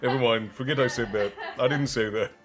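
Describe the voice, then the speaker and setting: A livestream host talks fairly quickly in a mid-range voice, chatting and joking casually and welcoming viewers by name. Soft music plays behind the stream. He's a little congested still, with a mild chesty cough.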